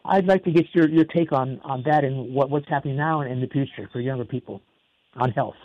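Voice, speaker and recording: A man's voice: medium pitch, a little fast, dull audio. A man hosting an interview, affirming the guest and stumbling over repeated words as he asks questions. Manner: warm, affirming, repeats words when asking. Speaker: host. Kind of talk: conversational interview.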